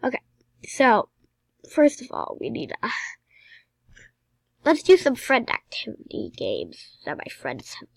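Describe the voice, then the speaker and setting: A woman giving casual, excitable commentary while playing a game, chatty and dropping into mumbled asides. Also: on the high side, takes it slowly, gravelly, pauses often, no room sound. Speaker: gameplay commentator.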